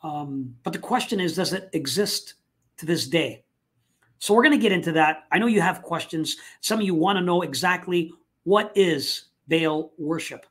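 A man hosting a live online talk show, speaking casually with many fillers and pauses. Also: on the high side, animated, a bit bright. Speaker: host.

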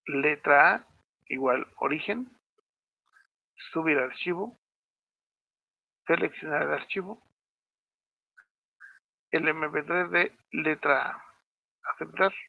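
A man's voice: a little high, slow pace, vocal fry, long pauses. Tinny-sounding man giving a step-by-step tutorial. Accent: Mexican Spanish. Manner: step-by-step, checks in with frequent "¿sí?". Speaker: teacher. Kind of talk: screencast programming tutorial. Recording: tinny phone-like audio, dry.

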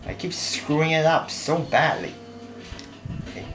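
Exasperated young male gamer, swinging pitch. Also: lively intonation, unhurried, a bit bright. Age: young adult. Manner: exasperated raging gamer, swearing and crying out in frustration. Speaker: video game player. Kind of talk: casual gameplay commentary. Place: indoor room with game music behind. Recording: echoey room, faint game music behind.

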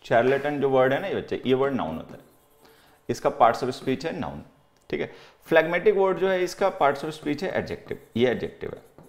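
A man with an Indian English accent gives a vocabulary lesson, mixing Hindi and English. He reads example sentences slowly and repeats "theek hai" as he writes. His middle-pitched voice sounds roomy and echoey. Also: big pitch swings. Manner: keeps saying "theek hai" while writing on the board. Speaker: English teacher. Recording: echoey room.

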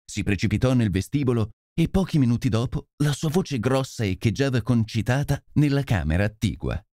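A man narrating a detective story in expressive, scripted audiobook style. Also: mid-range voice, a little fast, dry recording, studio quality.

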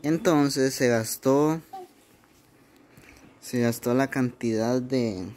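A man's voice: mid-range voice, drawn-out words, a little mellow. A young man hosting a charity vlog, explaining things step by step to his viewers. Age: young adult. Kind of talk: casual narration to camera. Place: small bedroom, indoors.

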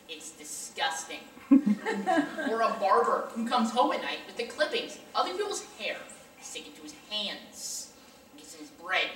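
A woman acting a brash male con man who stages fake drownings, pitching with pushy salesman patter on a school stage. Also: fairly bright tone, a little hiss or hum. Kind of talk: high school stage play. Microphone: far camera. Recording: echoey hall from far off.

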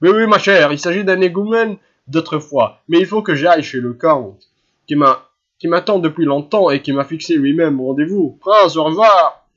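A man's voice: a little high, moderate pace, fairly bright tone, muffled recording. A man voicing a genial, hasty older general in an audiobook, with an affable, reassuring manner. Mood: evasive. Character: hurried, genial older general, husband and father. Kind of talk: audiobook character reading.

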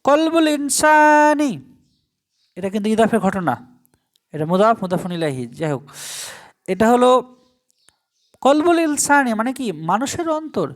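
An Arabic language teacher giving a recorded lesson, drawing the Arabic phrases out slowly, then explaining them in quick asides and asking the listener rhetorical questions. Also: mid-range voice, expressive.

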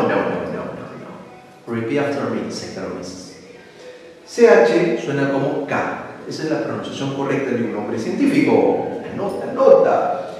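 A man's voice: a little high, slight background noise. Echoey Peruvian man teaching biology. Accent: Peruvian Spanish. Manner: lively, asks questions and answers them himself, mixes in English words. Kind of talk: online pre-university biology lesson. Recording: very echoey hall, voice from a distance.

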